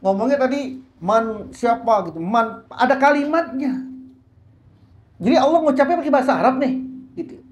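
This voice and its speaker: A woman as religious teacher, reading Arabic phrases one by one and explaining them in a relaxed, conversational way. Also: sits high, brisk, long pauses. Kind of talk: kitab study lecture. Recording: roomy echo with faint hiss.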